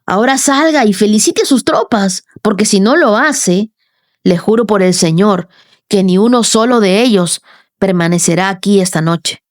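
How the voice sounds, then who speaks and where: A woman's voice: mid-range voice, normal speed, no room sound, studio quality, lightly acted. A woman voicing a stern male army general who reproaches his king firmly. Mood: reproachful.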